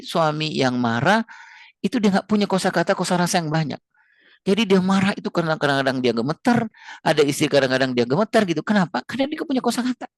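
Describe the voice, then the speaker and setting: A man lecturing parents and teachers on raising children, earnest and explanatory, repeating phrases and rising high when he stresses a point. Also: vocal fry, no echo, clean studio sound. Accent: Indonesian. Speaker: parenting speaker.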